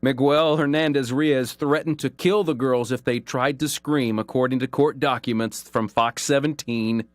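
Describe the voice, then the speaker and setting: A man hosts a call-in talk show in an earnest, emphatic voice that sits at an ordinary middle pitch. He slows down to press home his key points while reading headlines. The sound is close and dry, with no room around it. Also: steady tone, no room sound. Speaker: radio call-in show host.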